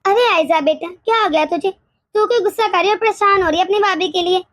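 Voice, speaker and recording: A woman voicing a harsh, scolding older mother-in-law in an animated story, nagging and sharp-tongued. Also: very high-pitched, moderate pace, dry recording, clean studio sound. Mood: doting.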